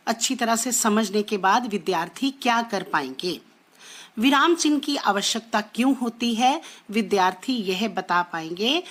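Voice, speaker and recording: This is a woman teaching a class, speaking in an unhurried, measured way. Her voice moves widely up and down as she explains. She pauses over each example sentence so students can follow. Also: mid-range voice, a bit bright. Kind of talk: classroom lesson.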